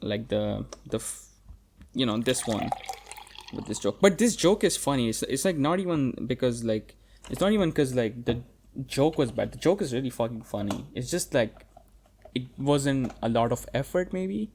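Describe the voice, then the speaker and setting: A young man talking alone on his podcast, rambling freely, swearing casually and stopping to restart his sentences. His voice sits at an ordinary middle pitch. He keeps the loose feel of a casual monologue. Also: expressive, normal speed, darkish tone, a little hiss or hum. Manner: rambling and profane, many fillers and restarts. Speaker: podcast host.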